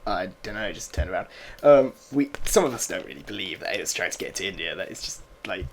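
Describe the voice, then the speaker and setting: A young man from England telling a rambling story on a casual podcast, his pitch rising and falling with lively swings. He stops often for fillers and short laughs. A faint hiss sits under the recording. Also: fast talker. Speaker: podcast co-host. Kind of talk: casual chat.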